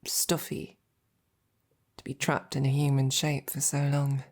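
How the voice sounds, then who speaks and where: With an exaggerated, low, gravelly voice that is monotone and a little mellow, a woman plays a devoted, self-doubting female royal knight in intimate roleplay audio. She speaks unhurriedly in a hesitant, informal, tender way, with a curious and gentle mood.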